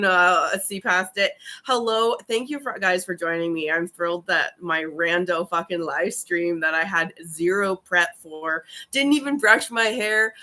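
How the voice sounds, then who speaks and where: A woman with a raspy, hoarse voice from a cold, chatting casually and swearing on a live stream. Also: mid-range voice, pushed and bright. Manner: chatty and profane, many fillers.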